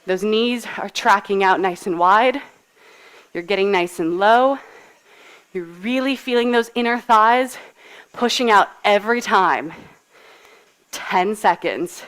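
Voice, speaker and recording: A fitness instructor in a studio speaks slowly with long pauses, her medium-pitched voice fairly bright and smooth. Working out as she talks, she gasps through move cues and countdowns while staying positive and encouraging.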